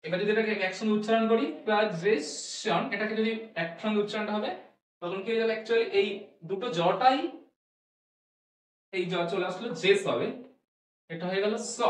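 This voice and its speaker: A woman teaching English pronunciation to students. She asks questions and answers them herself, and she repeats each sound slowly. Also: medium pitch, recorded from a distance. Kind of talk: classroom-style lesson. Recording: echoey room, voice from off-mic.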